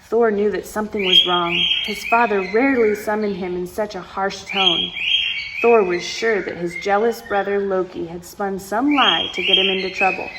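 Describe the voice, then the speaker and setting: Her voice is mid-range and steady in tone, moving at normal speed, as she reads a storybook to young children during story time. Expressive throughout, she adds exclamations and asides for the listeners. There is clear background noise.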